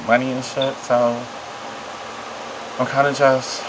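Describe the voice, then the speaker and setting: A vlogger talking casually and confessionally to camera in a halting, rambling, apologetic way that often trails off. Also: mid-range voice, flat delivery, noisy background. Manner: apologetic, self-conscious.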